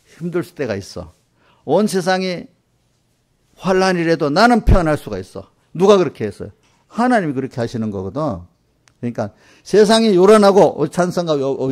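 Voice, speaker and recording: A man's voice: mid-range voice, a little mellow. A middle-aged male pastor giving a conversational sermon in a church, often checking in with the congregation with short tag questions. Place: church sanctuary.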